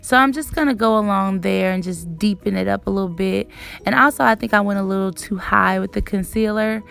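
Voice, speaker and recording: Creaky, smooth-voiced young woman, chatty. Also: medium pitch, brisk, fairly bright tone. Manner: chatty, emphatic word repetition. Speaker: beauty vlogger. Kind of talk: casual makeup tutorial narration.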